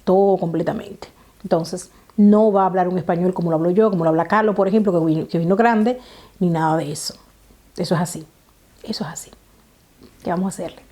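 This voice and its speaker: A woman's voice: on the low side, quick pace, warm tone. A woman from the Republic, talking to camera in a casual, explanatory way, often repeating herself. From Dominican Republic. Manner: explanatory, repeats phrases, many fillers. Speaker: vlogger.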